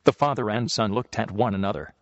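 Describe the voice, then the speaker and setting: A man reading a story aloud in a measured, steady storytelling manner, on a dull lo-fi recording with long reverb. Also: lowish voice. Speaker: narrator.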